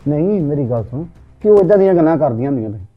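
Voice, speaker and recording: A man playing a husband who questions his wife briskly about the trouble in the house. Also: a little high, big pitch swings, phone-quality sound, faint music behind. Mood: questioning.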